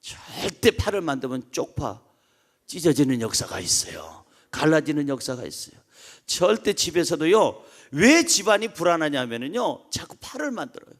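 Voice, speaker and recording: A male pastor preaching an animated, joking sermon, swinging between loud calls and soft asides, and leading the congregation in reading aloud. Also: fairly high pitch, normal speed.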